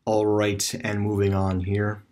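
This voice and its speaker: A man's voice: fairly low pitch, monotone, measured pace, darkish tone. A man giving rambling, casual voice-over commentary on a screen-recorded map tour, with many fillers and restarts. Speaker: video creator touring a closed store on street view.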